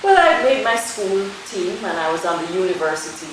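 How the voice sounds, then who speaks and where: Low-voiced Jamaican-raised woman in an echoey room. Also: sing-song, slight background noise. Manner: measured, thoughtful, frequent fillers. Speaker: dermatologist. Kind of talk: interview answers. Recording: very echoey room with faint ambience.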